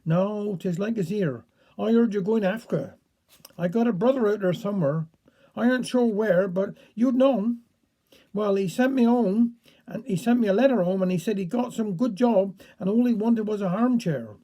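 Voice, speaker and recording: A chatty Cornish village man rambles on in broad dialect, as a man reads his part. The voice is high and mellow. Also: normal speed.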